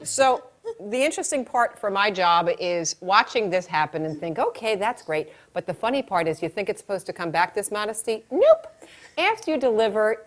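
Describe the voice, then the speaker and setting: A middle-aged woman, a labor nurse and childbirth educator, teaching a class in a chatty, animated way and telling stories from the delivery room. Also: lowish voice. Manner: animated storytelling, acts out quotes, chatty.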